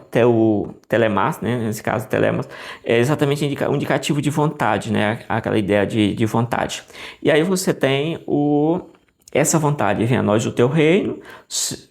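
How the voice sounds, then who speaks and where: A man teaching a casual Bible lesson, thinking aloud with restarts, often adding "né?" and sounding out Greek words slowly. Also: medium pitch, creaky, darkish tone. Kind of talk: casual lesson walking through Greek text on screen.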